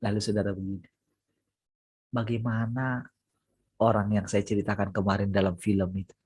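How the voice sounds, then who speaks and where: A man preaching a sermon over a video call, animated, his voice rising high and loud for emphasis and dropping low and soft. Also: moderate pace, husky.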